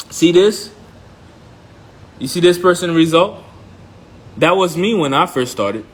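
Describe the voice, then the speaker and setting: A Haitian man acting as a trading mentor on a live stream gives motivational talk in a blunt, emphatic way, repeating his points and checking in with listeners. His voice sits a little high with a fairly bright tone.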